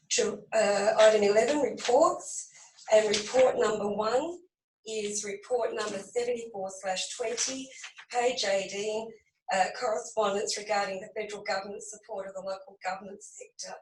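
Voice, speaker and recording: A woman with a croaky voice chairing a council meeting as mayor, reading through the agenda items briskly. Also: mid-range voice, fairly even intonation, a little hiss or hum. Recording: echoey room from a distance.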